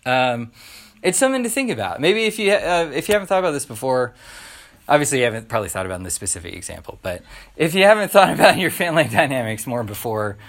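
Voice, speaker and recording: A man's voice: mid-range voice, sing-song, fast, fairly bright tone. A man preaching a casual, conversational sermon, full of filler words and rhetorical questions. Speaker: pastor.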